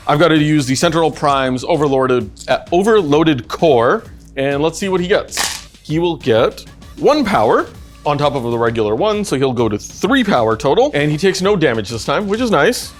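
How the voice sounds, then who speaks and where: A man talks through his moves at a tabletop miniatures game, animated and playful. His voice is fairly high and swings widely in pitch. Faint music plays behind him. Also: moderate pace. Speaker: player. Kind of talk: excited casual game commentary.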